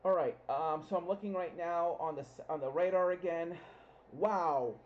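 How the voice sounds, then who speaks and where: A man hosting informal live hurricane coverage, excitable and emphatic, repeating himself as he gives updates. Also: fairly high pitch, normal speed. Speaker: livestream host covering a hurricane. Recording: muffled lo-fi audio with faint noise.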